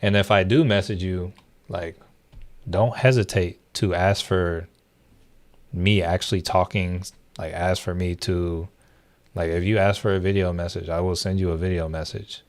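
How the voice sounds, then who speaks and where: With a deep voice, fairly even intonation, and a moderate pace, a young livestream host chats loosely with his audience. The conversation rambles, full of fillers and false starts.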